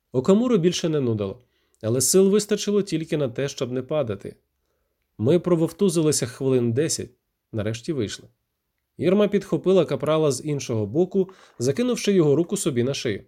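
A man narrating a first-person audiobook in a steady, measured way. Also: mid-range voice.

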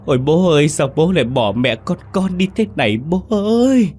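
A man voicing a frantic young man who shouts and wails for his dying father in a spoken horror story. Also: a little high, expressive, moderate pace, a little hiss or hum, pitched above the performer's own voice, lightly acted. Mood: wailing. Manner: panicked, shouting, wailing.

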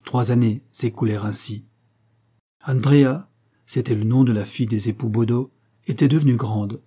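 A man reading a classic novel aloud, in a measured, solemn narration. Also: medium pitch, steady tone, mellow, slightly rough. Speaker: audiobook reader. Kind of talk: scripted narration of a 19th-century novel.

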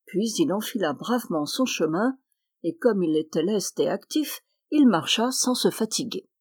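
A woman reading a fairy tale aloud as storyteller, in a steady, measured way. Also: medium pitch, husky, no echo, studio quality.

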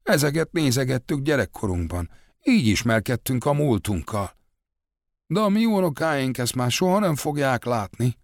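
A male narrator voicing an older village woman, recalling wartime losses in a mournful, measured way. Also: mid-range voice, sing-song, dry recording, clean studio sound, voice pushed up. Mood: grieving.

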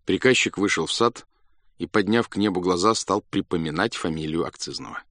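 A man narrating a classic story in an expressive, dramatic manner. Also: low-pitched, brisk, no room sound, clean studio sound. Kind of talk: storybook reading.

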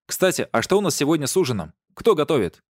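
A man voicing a cheeky young male gardener who teases his friend loudly, in an audiobook. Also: a little high, very animated, fast, no echo, studio quality, pitched above the performer's own voice. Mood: teasing. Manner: jeering, loud, teasing.

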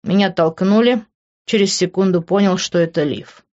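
A woman reading a first-person audiobook in a steady, expressive way. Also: fairly low pitch, normal speed, dull audio. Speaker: audiobook reader.

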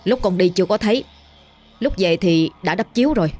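A woman voicing a young village man, rushed, fretful and gossipy. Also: medium pitch, animated, mellow, faint music behind, lightly acted.

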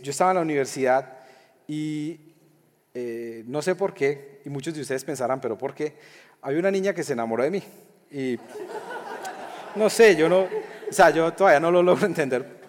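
A young man, preaching a lively, conversational sermon with jokes and acted-out quotes. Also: fairly high pitch, normal speed, pauses often, a little hiss or hum. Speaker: pastor. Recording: long reverb of a large hall.

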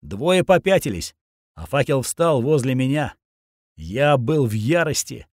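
A man narrates a first-person action audiobook in a steady, grim storytelling tone. His mid-range voice moves a little slowly, captured on a close studio mic with no room sound.

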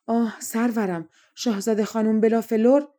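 A woman voicing a spiteful, jealous young courtier who speaks slyly and flatters the king in a fairy-tale audiobook. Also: on the high side, voice pushed up, natural voice. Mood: scheming. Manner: sly, fawning toward the king.

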